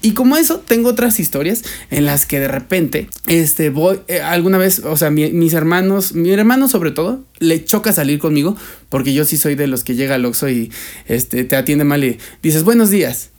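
A man with a Mexican Spanish accent co-hosting a casual podcast chat, telling stories and acting out quotes in exaggerated voices. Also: normal speed. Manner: animated storyteller, acts out quotes in high voices. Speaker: podcast co-host.

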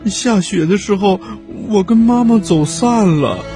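A man's voice: high voice, expressive, measured pace, mellow, soft background music, voice pushed up. A man doing a stammering timid reindeer calf. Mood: tearful. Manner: stammering, shy and unsure. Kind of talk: children's storybook voice.

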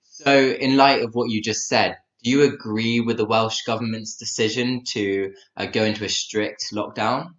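A man's voice: lowish voice, steady tone, normal speed, a bit bright. A man introducing a news item and putting prepared questions as a radio interviewer. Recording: echoey, slightly dull audio.

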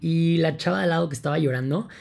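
A young man with a Mexican accent, talking casually to his podcast listeners in an excited, rambling way with lots of fillers. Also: on the high side, fast talker, creaky. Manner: enthusiastic, rambling, many fillers like "entonces" and "o sea". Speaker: podcast host.

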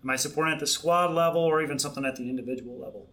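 A middle-aged man, a military program manager, explaining his work in a podcast interview with measured speech and frequent restarts. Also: fairly high pitch, bright, forceful tone. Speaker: Marine Corps program manager, guest.

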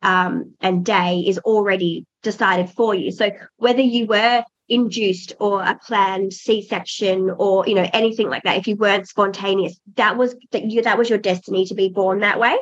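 A woman's voice: medium pitch, steady tone, normal speed, few pauses. Earnest pregnant woman, dull audio. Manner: earnest and reflective, many restarts. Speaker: podcast guest, birth doula. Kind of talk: casual interview chat.

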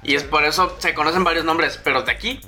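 A Mexican man co-hosting a casual gaming chat, his voice pitched high and very bright. He rambles in heavy slang, stringing thoughts together with fillers. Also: fast talker, faint music behind.

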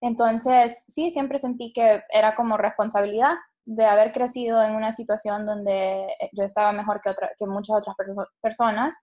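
A woman's voice: mid-range voice, flat delivery, moderate pace, hardly any pauses, dark tone. A woman in her late twenties from Honduras, answering interview questions reflectively, with many fillers and restarts. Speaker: guest, startup CEO.

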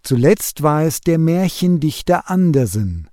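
A man voicing a kindly, gently amused Lord God in a Christmas storybook reading, patient and unhurried. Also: on the high side, sing-song, no echo, clean studio sound.

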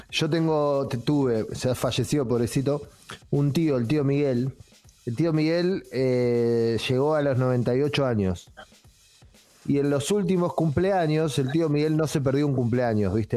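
A man's voice: medium pitch, warm tone. Argentine man telling rambling anecdotes. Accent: Argentine Rioplatense. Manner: rambling, anecdotal, often breaks into laughter. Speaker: co-host. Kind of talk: casual comedic storytelling.

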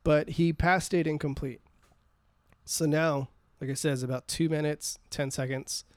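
A man's voice: on the high side, steady tone, moderate pace, no room sound. A man co-hosting a podcast, chatting casually about sports, blunt and teasing, swearing freely. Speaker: podcast co-host.

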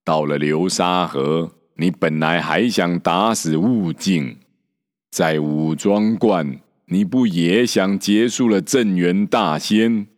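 A man doing a slow, scolding monk. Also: low voice, in a large hall. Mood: reproachful. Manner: measured, reproachful lecturing. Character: gentle, stubborn old male monk, scolding. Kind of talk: storybook character voice.

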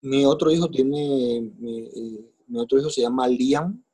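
A man's voice: mid-range voice, unhurried, warm tone, slightly rough. A middle-aged man with a Colombian accent tells his life story in an interview, emotional and plainspoken, with coarse slang and repeated phrases. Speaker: interview guest. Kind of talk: personal life story in casual conversation.

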